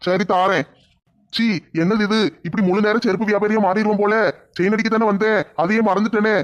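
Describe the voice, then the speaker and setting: A man's voice: sits high, little pitch movement, a little fast, highs cut off, lightly acted. A man playing a sly sandal-seller thief. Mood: scheming. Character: slippery chain-snatching sandal seller.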